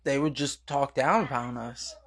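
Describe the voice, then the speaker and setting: A man's voice: mid-range voice, steady tone, moderate pace, a bit bright. A young man in casual chat with his girlfriend, answering her questions in a rambling, profane way with restarts and repeated words.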